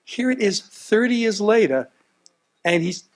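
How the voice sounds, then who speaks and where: A man's voice: sits high, unhurried. A man giving a heartfelt speech at a gala, earnest and repetitive, telling stories with animation. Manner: earnest, repeats himself, animated storytelling. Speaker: gala speaker. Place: event hall.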